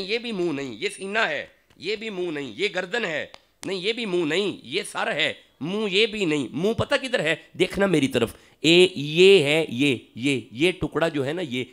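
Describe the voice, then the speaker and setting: A man with a Pakistani accent preaching a fiery sermon to a gathering, calling out questions to the crowd and slowing down to recite verses. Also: on the high side, a bit bright. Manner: fiery, calls out to audience for responses, slows for recitation. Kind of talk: religious sermon.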